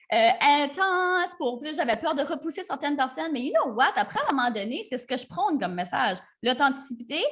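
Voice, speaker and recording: A woman hosts a podcast in a casual interview chat, talking enthusiastically and sprinkling in English words. Her voice is high-pitched with a fairly bright tone.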